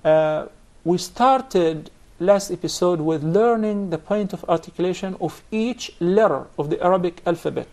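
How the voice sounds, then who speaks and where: A man's voice: sits high, normal speed, few pauses, darkish tone. A man teaching a Quran recitation class, explaining points patiently and quizzing his students. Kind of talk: classroom instruction.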